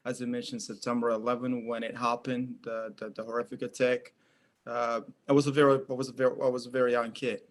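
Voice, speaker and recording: A man's voice: medium pitch, little pitch movement, fast talker. A young man from Eastern Afghanistan, a former interpreter, answering interview questions with frequent hesitations and fillers. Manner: hesitant, many uh fillers and repeats.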